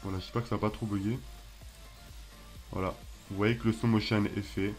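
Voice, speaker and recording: Young man, French accent, low-pitched, casual tutorial host, halting with fillers, faint music underneath. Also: little pitch movement. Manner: hesitant, many fillers and restarts, self-mocking. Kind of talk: casual screen-recorded tutorial.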